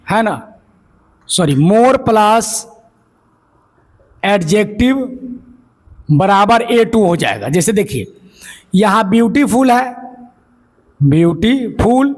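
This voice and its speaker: High-voiced man teaching grammar. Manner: explains step by step, repeats key words, asks and answers own questions. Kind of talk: classroom lecture.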